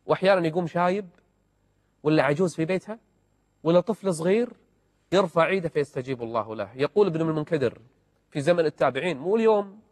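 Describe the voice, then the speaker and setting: A man preaches through stories on a call-in religious show, fervent and emphatic. His voice sits high and runs fast. The studio sound is dry up close but trails off in a long reverb. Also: darkish tone. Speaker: religious TV host, sheikh.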